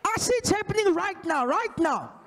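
A man from Namibia preaching a charismatic sermon on a large church stage into a handheld mic, shouting declarations and prophecies while he paces and gestures. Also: extremely high pitch, very animated, normal speed. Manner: pacing and gesturing energetically. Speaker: pastor. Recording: long hall reverb.

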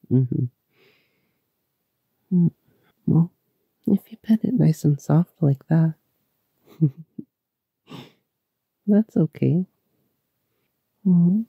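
A drowsy man murmurs and whispers affectionately in an ASMR boyfriend roleplay. His voice is heavily breathy and full of gravelly fry. The sound is tinny and phone-like but dry and close. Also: medium pitch, no echo.

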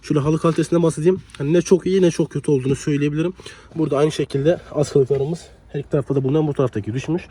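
A young man with a slightly hoarse voice from a cold, chatting casually as he walks around a car outdoors and reviews it, often dropping a filler word. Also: a little high, steady tone, very fast, mellow. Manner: chatty, leans on the filler "hani".

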